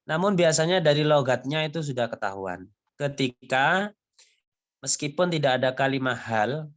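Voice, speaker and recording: A man's voice: medium pitch, a bit bright. A man teaching a language lesson, reading dialogue lines aloud, translating them, and explaining patiently with frequent little tag words. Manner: explains patiently, often ending phrases with "ya" and "gitu". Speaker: Arabic teacher.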